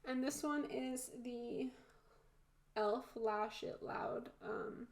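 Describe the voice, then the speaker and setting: Female makeup vlogger, stuffy-nosed and creaky, informal and candid, recorded in a roomy space. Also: on the high side, extremely slow. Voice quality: congested, blocked-nose sound. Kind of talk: casual chatty makeup tutorial. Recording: roomy echo.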